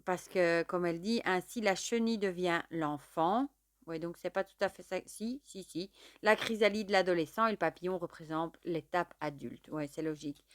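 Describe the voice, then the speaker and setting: A woman, chatting casually while unboxing and showing a card deck, often filling pauses with little stock words. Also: fairly low pitch, no echo, clean studio sound. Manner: chatty, fills with "voilà" and "euh". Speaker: tarot and oracle deck reviewer.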